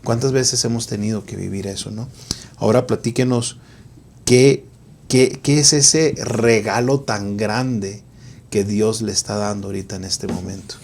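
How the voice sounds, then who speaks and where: A man's voice: lowish voice, fairly even intonation, measured pace, darkish tone. A man hosting a podcast interview, asking questions and offering reflective, preacher-like encouragement. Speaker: podcast host.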